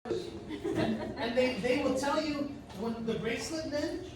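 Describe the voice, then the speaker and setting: Talking slowly in an extremely high voice, a middle-aged pastor gives a group an informal travel briefing. He rambles like a storyteller with frequent restarts, and the recording is distant, echoey, and noisy.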